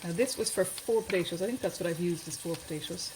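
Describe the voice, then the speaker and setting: A woman's voice: lowish voice, fast. Chatty woman cooking in a noisy kitchen. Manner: chatty, homely, thinks aloud while cooking. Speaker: home cooking channel host. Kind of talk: casual cooking demonstration. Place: home kitchen.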